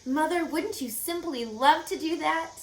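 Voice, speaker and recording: A woman's voice: high voice, unhurried, pitched above the performer's own voice. A woman voicing an imaginative, earnest little farm girl who tells her storybook tales eagerly and insistently. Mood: enthusiastic. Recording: echoey room, faint background noise.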